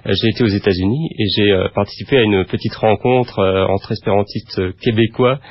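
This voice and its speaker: A man's voice: on the low side, a little fast, no room sound. A man talking as a radio guest, hesitant and stammering with restarts. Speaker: guest speaker. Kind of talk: radio studio conversation. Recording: dull lo-fi radio recording.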